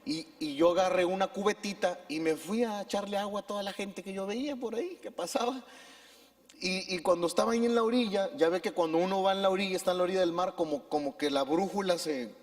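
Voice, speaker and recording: High-voiced Mexican pastor preaching in a hall. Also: male voice, fast. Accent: Mexican Spanish. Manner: animated storyteller, leads the congregation in repeating phrases. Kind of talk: preaching sermon with personal anecdote.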